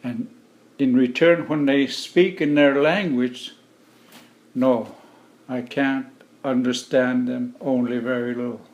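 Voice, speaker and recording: A middle-aged man from Alaska, a native Yupik speaker, answering interview questions in a plain, measured way. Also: medium pitch, fairly even intonation, a little mellow, muffled recording. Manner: slow, plain-spoken, measured. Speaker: interview guest. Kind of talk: relaxed conversational interview.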